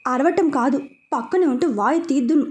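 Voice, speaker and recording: A stern middle-aged mother in a storybook, as a woman puts her on, scolding sharply in a high voice. She sounds strict and fed up. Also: fairly quick, darkish tone, close to an everyday voice.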